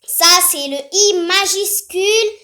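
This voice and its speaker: A child playing teacher, patiently explaining how to write a letter and often pausing to think mid-sentence. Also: very high-pitched, pushed and bright. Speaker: pretend teacher. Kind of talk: playful home lesson on writing letters.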